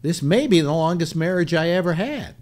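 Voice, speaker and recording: A man's voice: on the high side, lively intonation, brisk, darkish tone. An older man hosting a casual panel chat, rambling, repeating himself and cracking dry jokes. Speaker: host.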